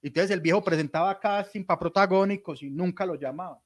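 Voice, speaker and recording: High-voiced Colombian man, lively storyteller. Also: a little fast. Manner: animated storytelling, laughs often. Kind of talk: casual chat.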